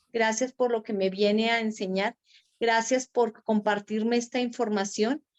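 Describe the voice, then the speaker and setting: Earnest woman on a muffled video call. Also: on the high side. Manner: slow, earnest, repeats phrases for emphasis. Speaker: group participant sharing reflections. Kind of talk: reflective spiritual sharing. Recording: lo-fi online call audio.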